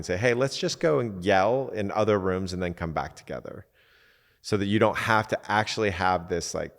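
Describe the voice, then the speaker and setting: A man, a podcast host and coach, giving relaxed, candid advice in casual talk, swearing now and then and acting out little quotes. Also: low-pitched, big-room sound.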